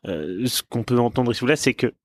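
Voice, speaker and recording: A man hosts a relaxed interview, teasing his guest and repeating words as he searches for what to say. His voice sits in an ordinary middle range. The recording is dry and close. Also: medium pitch, quick pace, no room sound. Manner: joking, repeats words while thinking. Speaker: interviewer, host. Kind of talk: casual interview hosting.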